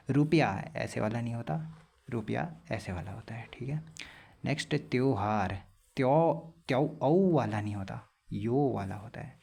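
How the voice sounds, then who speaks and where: A young man teaching a casual spelling lesson for exam prep, explaining plainly and repeating words slowly to correct them. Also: fairly low pitch, gravelly, darkish tone, breathy edge.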